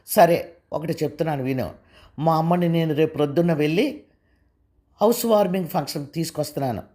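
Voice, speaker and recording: A woman's voice: lowish voice, warm tone, natural voice. A woman voicing a firm, insistent young husband. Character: long-patient young husband, now angry.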